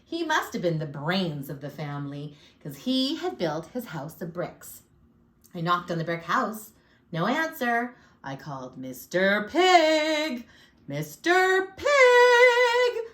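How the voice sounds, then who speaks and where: A woman's voice: fairly low pitch, big pitch swings, measured pace, fairly bright tone, pitched below the performer's own voice. Lady reading as a sly folksy wolf telling his side, bouncy up-and-down voice, roomy echo. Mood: sly, aggrieved. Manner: folksy, sly, theatrical sneezes. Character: chatty self-pitying male wolf storyteller. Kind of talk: storybook read-aloud. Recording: echoey room.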